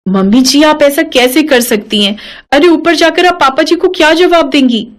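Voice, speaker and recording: A woman's voice: high voice, moderate pace, pitched above the performer's own voice, lightly acted. A woman doing a pleading, melodramatic daughter-in-law. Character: anxious young daughter-in-law, pleading, dramatic. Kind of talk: animated story voice acting.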